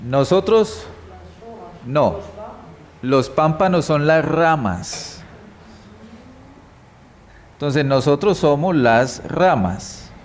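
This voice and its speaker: A middle-aged man with a Colombian Spanish accent leads a church Bible class. He talks at a slow, unhurried pace, reading verses aloud and turning to the room with questions. He repeats the key words so the class can follow. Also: on the high side, expressive, a little hiss or hum. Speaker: Bible teacher.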